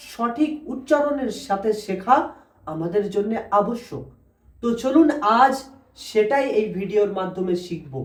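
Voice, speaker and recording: A woman teaching letter pronunciation slowly and patiently, repeating each sound three times. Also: fairly high pitch, darkish tone. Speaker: Arabic alphabet teacher. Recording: echoey room, voice from a distance.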